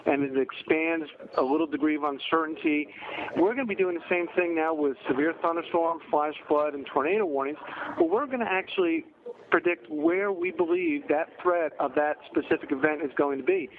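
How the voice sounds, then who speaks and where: A man's voice: on the high side, animated, fairly quick. A man who runs a local weather office, heard over the phone, patiently explaining in plain terms. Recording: tinny phone line with faint hiss.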